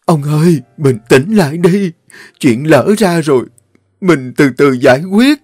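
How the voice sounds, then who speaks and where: A man's voice: a little high, animated, unhurried, darkish tone, breathy edge, no room sound, studio quality, soft background music, voice pushed up. A man voicing a frightened middle-aged wife, pleading tearfully with her husband.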